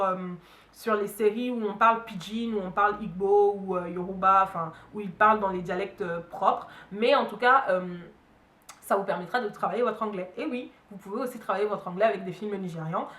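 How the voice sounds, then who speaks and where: A woman's voice: medium pitch, a bit bright. A young woman from Cameroon, chatting casually to camera about streaming services, full of fillers and asides. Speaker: beauty and hair vlogger. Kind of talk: casual review chat to camera. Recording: roomy echo, mic a bit far.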